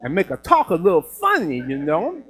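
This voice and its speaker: A minister from Chicago, his voice pitched high for a man, preaching in a chatty, animated way. He speaks to his congregation inside a church. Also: moderate pace, a little hiss or hum, rough recording. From Chicago, USA. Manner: animated, conversational preaching with laughs. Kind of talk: sermon. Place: church building.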